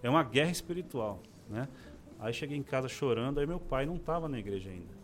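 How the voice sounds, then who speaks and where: In a casual interview, a man in his forties recounts his personal testimony at a quick pace in a mid-range voice. He brings the story alive by imitating the voices of the people he quotes.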